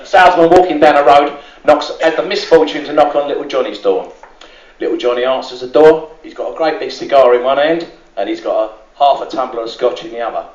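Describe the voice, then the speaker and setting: A man's voice: mid-range voice, animated, brisk, darkish tone. A man telling stand-up jokes in a chatty way, full of "and, um" fillers and asides to the crowd, in a cruise ship lounge. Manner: chatty, many "and, um" fillers, asks the crowd "isn't it". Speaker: stand-up comedian. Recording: roomy, muffled lounge recording from far off.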